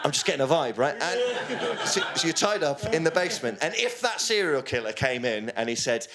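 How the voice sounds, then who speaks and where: A male stand-up comedian works through his set in a relaxed, conversational way. His voice rises and falls with plenty of movement, and he drops quick asides to the crowd between stories. He speaks at a medium pitch for a man. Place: comedy venue with audience laughter.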